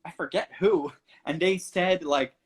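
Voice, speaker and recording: A man's voice: high voice, husky. A young man, a musician guest in a casual livestream interview, talking animatedly and acting out quotes as he goes. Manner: animated, talks fast with restarts and acted-out quotes.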